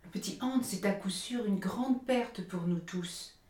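A woman's voice: mid-range voice, a little slow, a little mellow, far from the mic, lightly acted. A woman reading a solemn village tinsmith. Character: plain, sober male tinsmith. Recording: roomy echo.

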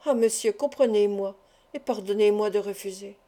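A woman's voice: mid-range voice, moderate pace, mellow, natural voice. A woman voicing an earnest, emotional young man who pleads with an older friend, in a read-aloud novel. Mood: pleading. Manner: emotional, imploring.

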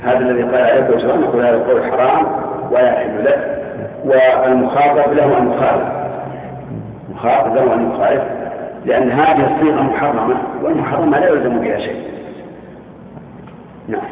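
A man, a sheikh, giving measured religious rulings and explaining his reasoning in a question-and-answer lesson. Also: mid-range voice, steady tone. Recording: echoey hall from far off, tinny lo-fi, faint hiss.

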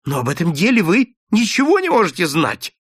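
A man's voice: high-pitched, huge pitch swings, a little fast, a bit bright, breathy edge, no echo, clean studio sound, pitched above the performer's own voice, heavily acted. A man voicing a timid, nervous little hotel clerk who speaks in a trembling, whining voice, in an audiobook. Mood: frightened. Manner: whimpering, trembling, pleading. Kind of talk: audiobook character voice.

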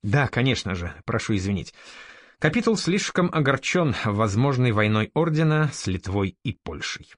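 A man voicing a soothing, hesitant male guild master in an audiobook, eager to smooth things over. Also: medium pitch, sing-song, normal speed, dry recording, studio quality. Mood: placating. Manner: conciliatory, hesitant.

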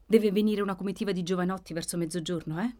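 A woman voicing a worn, anxious young woman in an audiobook, speaking hushed and restrained with a trembling edge. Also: on the low side, steady tone, quick pace, close to an everyday voice. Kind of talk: audiobook character reading.

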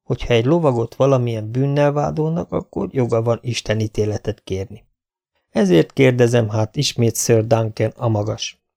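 A man doing a calm, grave royal heir. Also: mid-range voice, vocal fry, natural voice. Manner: measured, reasoning.

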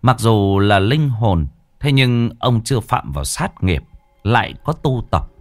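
A man narrating a scripted horror story with lively, dramatic delivery. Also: on the low side, a little slow, no room sound. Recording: dry close voice, faint music.

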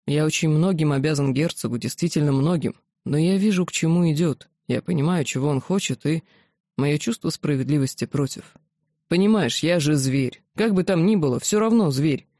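A reader voicing a blunt, rough-spoken werewolf general, an older man, in an audiobook. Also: medium pitch, moderate pace, dark tone, no echo, studio quality, lightly acted. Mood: earnest. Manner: plain-spoken, rough, awkward. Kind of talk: audiobook character voice.

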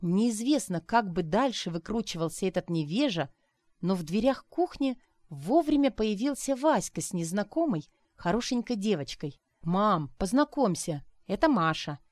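A woman narrating an audiobook in a steady, expressive reading style. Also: medium pitch, normal speed, no echo.

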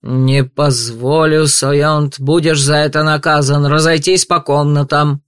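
Brief: male reader as an older house patriarch, slow, raised and commanding, dry sound. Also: on the high side, level tone, fairly bright tone, smooth, no echo. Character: stern older male head of a family.

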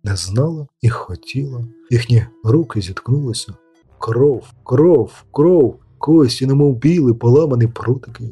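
A man narrating a fantasy audiobook in a steady storytelling manner, lightly voicing the characters. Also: mid-range voice, normal speed, few pauses, slightly rough, faint music behind. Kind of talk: scripted narration.

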